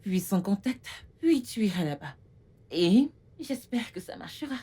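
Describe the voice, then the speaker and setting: A woman's voice: mid-range voice, big pitch swings, unhurried, dark tone, breathy edge. A woman dubbing a film role: a friendly, encouraging young woman chatting with her best friend. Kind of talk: dubbed film acting.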